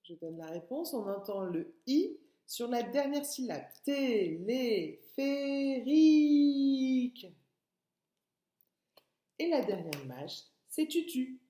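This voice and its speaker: A woman teaching a phonics lesson to young children, sounding out each word slowly and stretching the syllables. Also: mid-range voice, very animated, mellow. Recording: echoey room.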